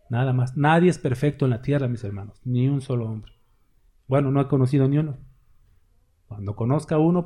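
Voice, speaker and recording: A man's voice: medium pitch, warm tone. A man preaching a sermon, earnest and folksy, acting out little dialogues and chuckling as he goes. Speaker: pastor.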